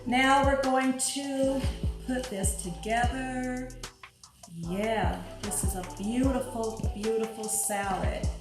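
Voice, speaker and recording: Woman host, home cooking demo, chatty and upbeat, slightly high voice, very echoey kitchen. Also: slow pace. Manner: chatty, upbeat, thinks aloud while working. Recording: very echoey room with music behind.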